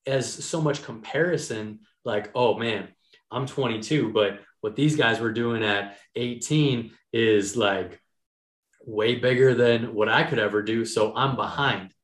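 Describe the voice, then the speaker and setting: A man in his thirties, an energetic and encouraging podcast host talking in casual chat. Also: medium pitch. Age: 30s. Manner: energetic, encouraging, fast-flowing talk. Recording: roomy echo.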